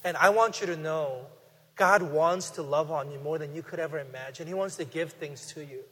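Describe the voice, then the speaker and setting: A middle-aged man preaching a guest sermon in a conversational, animated way, with emphatic rises. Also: a little high, normal speed. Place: church sanctuary. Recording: reverberant hall.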